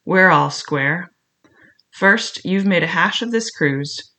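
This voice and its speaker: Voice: medium pitch, lively intonation, takes it slowly, sharp tone, heavily acted. A reader voicing a blunt mutinous pirate. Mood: defiant. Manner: curt, challenging. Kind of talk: audiobook character reading.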